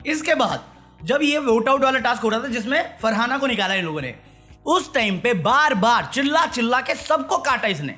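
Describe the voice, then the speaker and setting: A man's voice: very high voice, big pitch swings, moderate pace, sharp tone, faint music behind. A man giving a sarcastic, mocking rant as a reality-show commentary vlogger.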